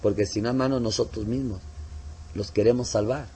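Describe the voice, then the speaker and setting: A man preaching a sermon as pastor. He acts out conversations and swings between loud emphasis and soft asides. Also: steady tone, brisk, slight background noise. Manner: preaching with sharp swings in pitch and loudness; acts out both sides of dialogues, softening for asides.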